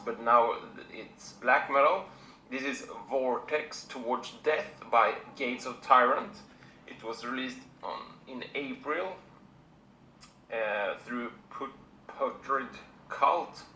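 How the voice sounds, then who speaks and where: Bright-voiced man reviewing records. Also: medium pitch, echoey room, slight background noise, poor audio. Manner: plain, unhurried, with many fillers and restarts. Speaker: music reviewer.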